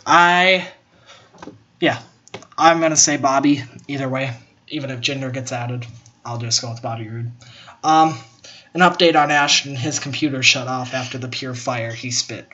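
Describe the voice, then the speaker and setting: A young man hosting a casual wrestling chat, opinionated and animated, swearing casually as he makes his picks. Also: medium pitch, normal speed, muffled recording. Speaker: podcast host.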